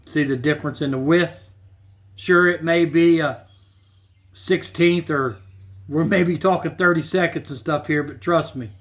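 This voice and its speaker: Working in his home shop, a woodworking channel host demonstrates at an unhurried pace, his pitch fairly high. His talk is plain and repetitive, with easygoing restarts.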